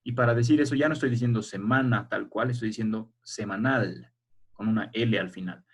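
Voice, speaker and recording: A man's voice: lowish voice, a little fast, husky. A man teaching a primary school language class over a video call, explaining patiently step by step and checking that the children follow.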